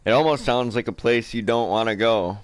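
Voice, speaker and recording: A man's voice: mid-range voice, fairly quick, no echo. A man streaming a survival game live, talking casually to viewers, saying dude and man and swearing freely.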